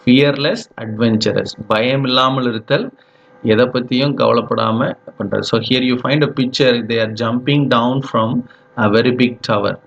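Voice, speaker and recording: Slow-spoken Tamil man teaching vocabulary. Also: mid-range voice, fairly even intonation, gravelly, fairly bright tone, muffled recording. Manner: slow, repeats words for pronunciation, mixes Tamil and English. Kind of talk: vocabulary lesson.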